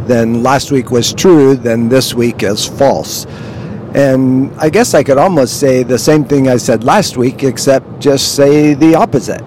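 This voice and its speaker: Male podcast host, earnest and measured, dark mellow tone; low-quality audio recorded in a vehicle, with faint engine rumble. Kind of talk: devotional monologue. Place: inside a moving vehicle.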